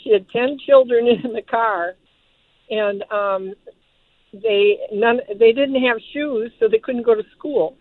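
A woman's voice: a little high, slow, no room sound. An older woman from Detroit calling in to a radio show over the phone, telling a family story in a chatty, fond way. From Detroit, Michigan. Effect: heard over a phone line. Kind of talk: call-in radio conversation. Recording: tinny phone line.

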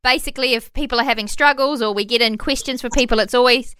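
Australian female radio co-host, high crisp voice, chatty and playful. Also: quick pace, pushed and bright, dry recording. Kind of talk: casual radio chat.

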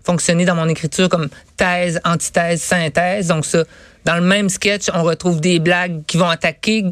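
High-voiced Québécois man, dry sound. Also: flat delivery, normal speed, a bit bright, no room sound. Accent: Quebec French. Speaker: comedy writer. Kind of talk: casual chat.

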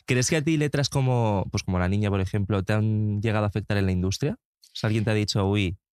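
A man's voice: lowish voice, quick pace, darkish tone, smooth, no echo, studio quality. A man interviewing a guest in a casual chat, blunt and loose, swearing and restarting his sentences.

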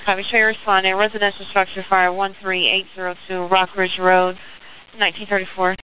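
Quick female fire dispatcher on tinny radio. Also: mid-range voice, flat delivery. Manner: procedural, reads back times. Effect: two-way radio. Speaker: emergency dispatcher. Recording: tinny narrowband radio, background noise.

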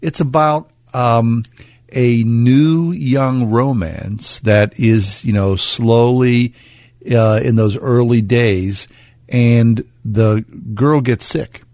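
A man's voice: mid-range voice, fairly even intonation, very slow, a little mellow, no echo, clean studio sound. A man hosting a radio show, chatting casually and rambling with lots of hesitations. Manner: rambling, hesitant with many fillers.

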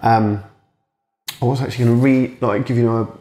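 A man's voice: medium pitch, fairly even intonation, moderate pace, mellow, roomy sound. A man in his late thirties, a boxing coach, talking frankly in a casual monologue and swearing now and then. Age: late 30s. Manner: frank and chatty, swears, acts out remembered exchanges.

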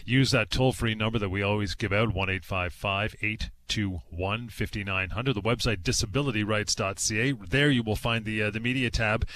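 A man's voice: on the low side, moderate pace, few pauses, fairly bright tone. A man hosting a radio advice show in a casual, chatty and promotional way.

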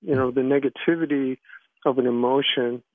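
Man on a tinny phone line, halting. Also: medium pitch, fairly even intonation, dry recording. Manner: halting, measured phrasing. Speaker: interview guest, author. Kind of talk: reflective interview answers. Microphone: phone call.

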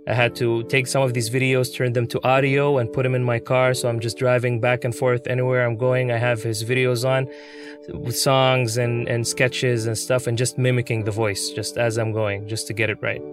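A young man, a puppeteer, telling his story in an interview, earnest and excitable. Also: medium pitch, normal speed, music in the background. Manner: earnest, excitable, many fillers.

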